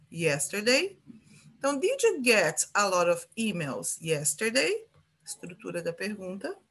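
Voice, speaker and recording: A woman's voice: mid-range voice, a bit bright, breathy edge. A Brazilian woman teaching an English grammar lesson, patiently repeating example phrases and checking in with her students.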